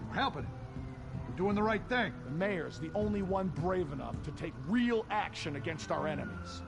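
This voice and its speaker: A man's voice: sits high, lively intonation, normal speed, gravelly, over music. A man playing a zealous, brainwashed crooked cop loyal to a corrupt mayor in a dramatic video game. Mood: fervent, defensive. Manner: brainwashed true-believer conviction.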